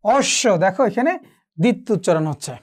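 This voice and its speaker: A teacher giving an exam-prep lecture on pronunciation rules, asking questions and answering them himself, repeating key points. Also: male voice, extremely high pitch, expressive, brisk, darkish tone. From Bangladesh. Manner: asks and answers own questions, repeats for emphasis.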